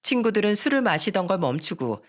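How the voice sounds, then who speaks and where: A woman narrating a first-person drama story in polite, steady storytelling speech. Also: mid-range voice, quick pace.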